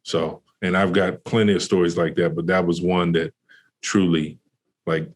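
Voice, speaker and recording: A man's voice: low-pitched, normal speed. A man, a basketball coach, telling a story in a casual podcast interview, with lots of fillers and restarts. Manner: animated when retelling conversations. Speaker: college basketball associate head coach.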